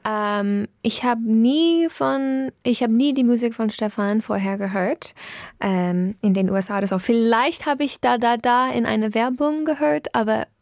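A woman's voice: a little high, moderate pace, a little mellow, no echo. A woman from the United States, a native English speaker, speaks German with an American accent in a casual studio interview, making grammar slips and searching for words. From Pennsylvania, United States. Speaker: interview guest, singer.

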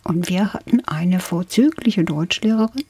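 Older woman, German, husky, reflective and measured, radio guest. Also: lowish voice, expressive, dark tone, no room sound. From England. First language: English. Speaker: guest, literary scholar. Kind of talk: radio interview conversation.

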